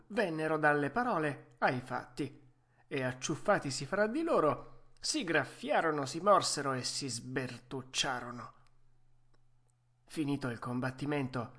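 A man narrating a storybook in an unhurried, measured way. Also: medium pitch, fairly bright tone. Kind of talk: storybook reading.

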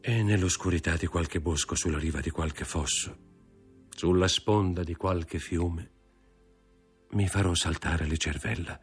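A man voicing a proud young man in an audiobook reading, grave, measured and bitter. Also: sits low, fairly even intonation, slightly rough, faint music behind.

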